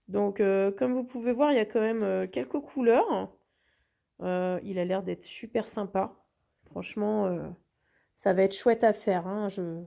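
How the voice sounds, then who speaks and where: A woman's voice: medium pitch, creaky, mellow. A woman hosting a craft channel, chatting casually through an unboxing with lots of hesitations and restarts.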